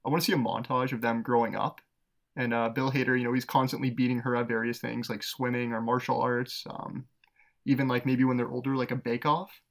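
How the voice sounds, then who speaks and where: A podcast co-host talking casually, his gravelly voice slipping into fry at the ends of phrases. He rambles, fills gaps with "uh" and laughs a lot at his own jokes. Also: mid-range voice, level tone, brisk. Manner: laughs often, rambling with fillers. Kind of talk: casual chat.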